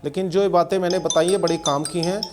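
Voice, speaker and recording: A man's voice: sits high, steady tone, background noise. Man teaching English grammar. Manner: explains slowly with examples, often checking understanding. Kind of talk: video lesson explaining English grammar.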